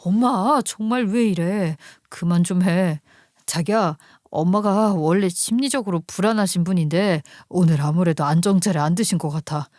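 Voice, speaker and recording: A woman's voice: fairly low pitch, moderate pace, a little mellow, no echo, close to an everyday voice. Woman doing a placating young fiancé, pleading, story drama, dry mic. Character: young male fiancé, flustered peacemaker.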